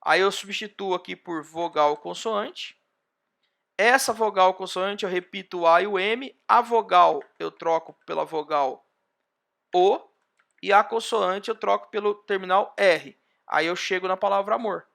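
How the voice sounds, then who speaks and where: A Brazilian man lecturing over a video call, with a high, bright voice and a gravelly edge. He walks through the example one step at a time and keeps pointing things out as he goes. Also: unhurried. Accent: Brazilian Portuguese. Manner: explains step by step, often pointing with "ó". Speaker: university lecturer. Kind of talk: online class lecture.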